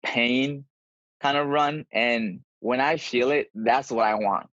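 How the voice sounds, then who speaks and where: A man with a medium-pitched, fairly bright voice speaks slowly, appearing as a podcast guest over a video call. He's an endurance runner recounting his own experiences in casual, earnest interview answers. The recording is dry, with dull lo-fi video call audio.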